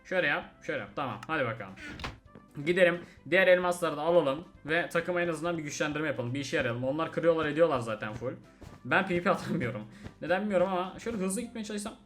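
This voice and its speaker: Young guy rambling thru a game for his viewers, kinda high voice, talks fast. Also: soft background music. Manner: chatty, excitable, swears oaths, addresses viewers. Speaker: gaming video host. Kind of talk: casual gameplay commentary.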